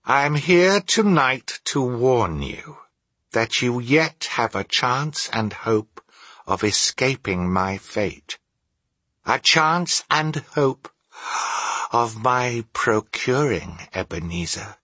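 A man voicing an anguished, remorseful male ghost in a theatrical storybook reading, wailing and solemn in a slow, declamatory way. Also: mid-range voice, very animated, sharp tone, slightly rough, dry recording, pitched above the performer's own voice, full character voice. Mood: mournful, solemn.

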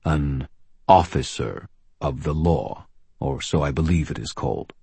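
A man voicing an enormous horned male fae creature who rumbles in stiff, archaic, formal speech in an audiobook. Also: measured pace, gravelly, warm tone, slightly rough, no echo, full character voice. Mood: stiff, solemn. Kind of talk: audiobook character voice.

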